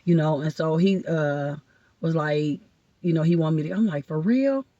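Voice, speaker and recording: A woman from Ohio, a guest comedian, telling rambling, excited stories in casual podcast chat. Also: deep voice, normal speed, no room sound. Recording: dull lo-fi dry sound.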